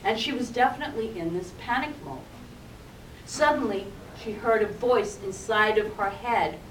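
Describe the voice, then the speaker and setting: A woman minister giving a sermon, telling a story in a gently reflective way. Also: fairly high pitch, normal speed. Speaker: reverend. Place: spiritual center hall. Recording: echoey room, distant mic, faint noise.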